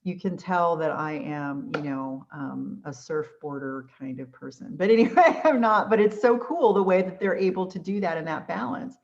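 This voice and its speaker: A woman's voice: on the low side, lively intonation, moderate pace, few pauses, darkish tone. A tired woman on a video call in a casual group discussion, chatty and searching for her words. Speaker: study group member. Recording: muffled video call audio.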